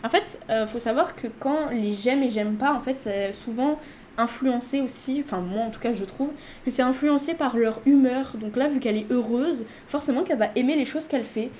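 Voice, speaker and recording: High, mellow-voiced woman gaming host. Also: moderate pace, slight background noise. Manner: chatty, talks to her character. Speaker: let's play host. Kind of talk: casual gameplay commentary.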